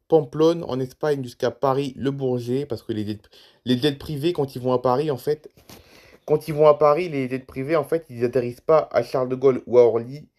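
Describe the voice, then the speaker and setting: A man's voice: medium pitch, a little mellow. A tired man YouTuber giving rambling, chatty commentary over a screen recording, reading out flight routes one after another.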